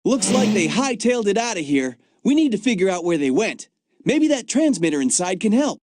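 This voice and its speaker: A jokey young gadget agent. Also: male voice, sits high, very animated, a little fast, darkish tone, no room sound, studio quality. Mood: eager. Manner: chatty, jokey, enthusiastic. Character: upbeat young male agent, gadget-loving joker. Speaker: game character, field agent. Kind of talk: video game voice acting. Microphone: dry studio mic.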